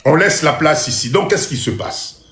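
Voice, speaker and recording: This man's voice sits slightly high and sounds a touch bright, expressive, and moderately paced, with an echoey room around it. Speaking with a Congolese accent, he mixes Lingala and French in a forceful live-stream monologue packed with rhetorical questions.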